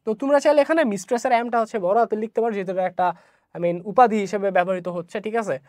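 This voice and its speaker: A woman teaches an online exam-prep English lesson and works through each step. She keeps pausing to ask checking questions. Her voice sits at a middle pitch and is recorded close with a dry sound. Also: mellow, no room sound.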